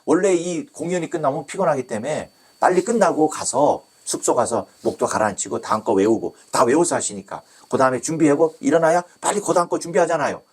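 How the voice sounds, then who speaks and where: A male pastor delivers a sermon with a slightly husky voice. His pitch swings widely as he tells the story, bursting into exclamations and acting out the voices of the people in it. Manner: storytelling with acted quotes, exclaiming.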